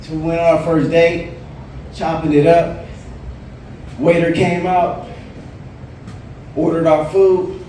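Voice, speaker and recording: Speaking slowly with long pauses, a man in his late forties performs stand-up on a bar stage, his warm voice a little high and level in tone. He spins relaxed stories toward punchlines. The mic sits far away in a roomy bar, adding a little hiss or hum.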